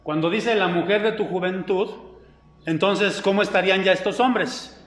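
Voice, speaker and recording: A man's voice: high-pitched, normal speed, fairly bright tone. A man preaching a sermon as pastor, who keeps putting questions to the congregation. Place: church hall. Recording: echoey hall with long reverb.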